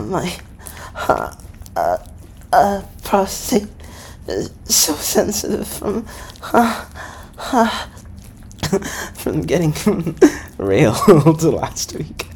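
Breathy, slow-talking man, moaning and pleading. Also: sits high, wildly swooping pitch, slight background noise. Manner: moaning, shy, pleading, often whispered. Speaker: adult audio performer. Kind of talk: intimate adult audio role-play.

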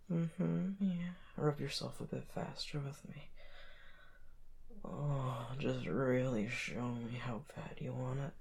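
A man performing an intimate audio roleplay, talking in soft whispers with drawn-out murmurs and sighs. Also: mid-range voice, gravelly.

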